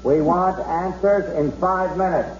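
A steady police officer barking orders through a megaphone, his slightly high voice ringing out with a roomy echo. The sound is muffled and dull, like a bullhorn heard from outside. His commands stay firm and formal. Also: a little slow, a little hiss or hum. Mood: commanding.

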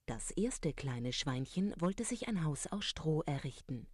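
Calm storyteller in a dry room. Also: mid-range voice, a little slow, husky, no room sound. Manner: calm, even reading of a fairy tale. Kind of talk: storybook reading.

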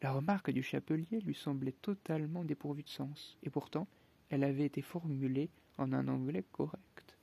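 Storybook narrator, man, measured, gravelly and husky. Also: a little high, mellow. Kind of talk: audiobook narration.

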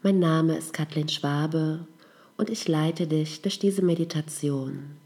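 Low, mellow female meditation guide, soft and slow delivery. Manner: slow, soft, calm instructions.

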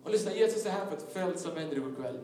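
A man's voice: fairly high pitch, expressive, dark tone, a little hiss or hum. A man pastor delivering a sermon in a large church hall, fervently urging his listeners to respond. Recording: echoey hall, mic far off. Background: worship music.

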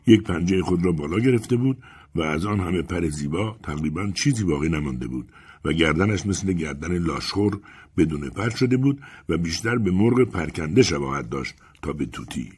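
Male audiobook narrator, husky and lowish, measured pacing. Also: lively intonation, darkish tone. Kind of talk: scripted narration.

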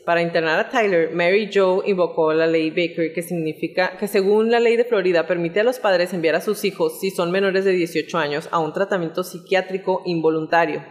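A woman hosting a podcast, telling a true crime story in a relaxed narrating tone. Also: fairly low pitch, big-room sound. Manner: reads out chat messages in a relaxed narrating tone. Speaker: podcast host.

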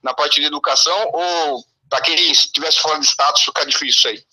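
A man's voice: on the high side, steady tone, brisk, bright, forceful tone, slightly rough. A man with a Brazilian Portuguese accent calling in and asking questions hesitantly, often restarting his words. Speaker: caller. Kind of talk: casual phone call. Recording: tinny phone line.

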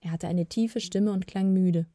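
A woman narrating a fantasy storybook in a calm, even reading. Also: mid-range voice, normal speed, dry recording, clean studio sound. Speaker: audiobook narrator.

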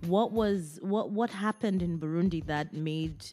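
A woman hosting a chatty interview show, speaking in an expressive, conversational way with short reactions to her guest. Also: on the low side, measured pace, faint music behind. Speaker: show host.

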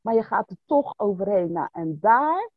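A woman's voice: medium pitch, very animated, moderate pace, no echo. A woman coach in a casual podcast conversation, explaining patiently and often checking in with "you know?". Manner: explains patiently with frequent "snap je?" and "weet je". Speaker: coach and workshop teacher. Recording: tinny phone-like line.

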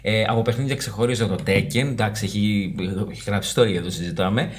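Χαμηλόφωνος Έλληνας άντρας, παιχνιδιάρης. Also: male voice, lowish voice. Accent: Greek. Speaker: podcast co-host. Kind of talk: casual chat.

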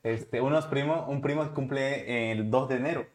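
A man's voice: mid-range voice, normal speed. Rambling Mexican man in echoey room. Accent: Mexican Spanish. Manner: rambling, searching for words. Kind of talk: casual chat.

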